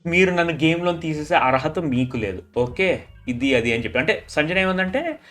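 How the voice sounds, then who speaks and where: A man's voice: on the high side, lively intonation, normal speed, fairly bright tone. A man with a slightly raised voice and a Telugu accent talks through a reality show episode in casual chat. He switches easily between Telugu and English and keeps saying "literally." Faint music runs underneath him. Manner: mixes English into Telugu, repeats "literally" often, retells quarrels in quoted lines.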